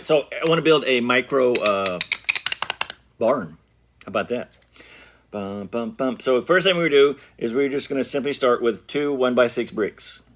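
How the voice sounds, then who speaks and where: Humming and joking as he works, this brick-building channel host, a middle-aged man, chats playfully and directly with his viewers during a casual tutorial. His voice is medium-pitched and fairly bright, with slight background noise.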